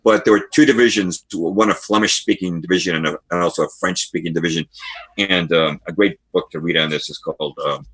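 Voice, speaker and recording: A man's voice: low-pitched, steady tone, a little fast, a bit bright, breathy edge. A man who is a guest author on a podcast interview, telling history as stories and reading passages aloud from books.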